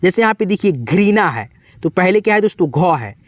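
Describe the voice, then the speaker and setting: A man's voice: high-pitched, sing-song, brisk, no echo, studio quality. A man teaching a spelling lesson, spelling words letter by letter and often checking in with his viewers. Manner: spells letter by letter, repeats "ठीक है" and "दोस्तों". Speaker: English teacher.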